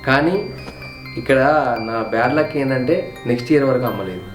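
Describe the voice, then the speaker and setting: A man's voice: medium pitch, lively intonation, normal speed, echoey room, soft background music. Heartfelt man with a Telangana accent. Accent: Telangana Telugu. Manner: heartfelt, reflective, repeats words for emphasis. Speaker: vlogger telling his family story. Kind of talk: personal storytelling on a home tour.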